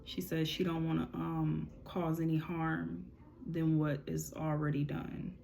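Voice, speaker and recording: Woman medium with a low, gravelly voice, passing on messages informally, one "she said" after another. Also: flat delivery, measured pace, mellow, slight background noise. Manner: relays messages with repeated "she said", conversational and informal. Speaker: spiritual medium giving readings. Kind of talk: casual channeling monologue.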